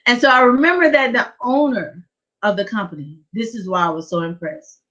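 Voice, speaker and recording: A woman giving a lively testimony at a church prayer service, telling her story with animated energy. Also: fairly high pitch, a little fast. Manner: lively storytelling, acting out her own excitement. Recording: dull lo-fi church livestream.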